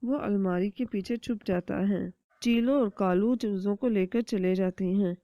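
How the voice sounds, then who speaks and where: A woman narrating a cartoon story in a calm, even storytelling voice. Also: mid-range voice, no echo. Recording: dry, dull lo-fi recording.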